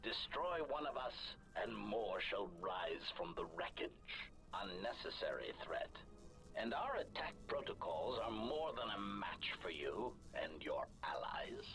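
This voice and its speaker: A man's voice: lowish voice, very animated, measured pace, poor audio. An actor playing a cold, menacing male assassin droid through a metallic robot filter, clipping his words into labeled statements as his systems give out. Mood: coldly menacing. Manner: announces each line's intent in clipped labels. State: malfunctioning, systems failing. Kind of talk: video game voice acting. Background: game music.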